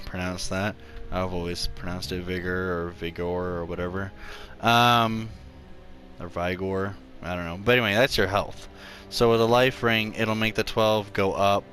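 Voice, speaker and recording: A man's voice: fairly low pitch, a bit bright. A man casually talking through a video game's character creation, rambling with many fillers and restarts. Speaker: gameplay tutorial narrator. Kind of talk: casual gameplay commentary.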